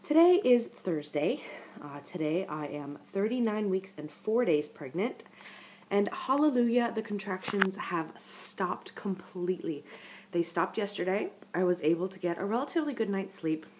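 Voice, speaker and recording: Sitting on her living room couch, a young woman with a stuffy, head-cold voice rambles chattily to her webcam viewers in a casual pregnancy vlog. The poor audio carries slight background noise, and her mid-range voice is expressive, moderately paced and darkish.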